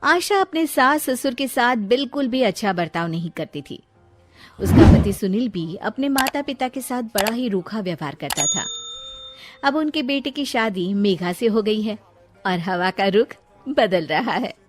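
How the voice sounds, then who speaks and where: A woman narrating a children's cartoon story in clear, even storytelling. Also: a little high, a little slow, soft background music.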